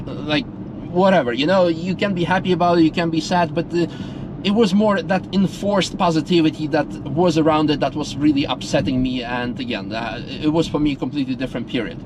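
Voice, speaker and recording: A man's voice: a little high, background noise. Earnest Russian-born man talking outdoors. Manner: earnest, rambling, with many fillers and restarts. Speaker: vlogger. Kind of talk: reflective casual monologue.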